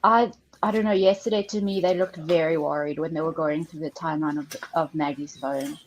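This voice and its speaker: A woman's voice: sits low, fairly even intonation, fairly quick, slight background noise. A woman with a South African accent, a guest chatting on a casual livestream with short upbeat replies. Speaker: guest from chat. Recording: dull lo-fi audio.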